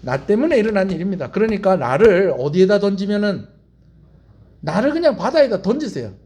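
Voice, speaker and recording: A man's voice: high-pitched, very animated, a little fast, mellow, husky, exaggerated voice. A pastor acting out a sulky, stubborn male prophet, defiant and grumbling. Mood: resigned.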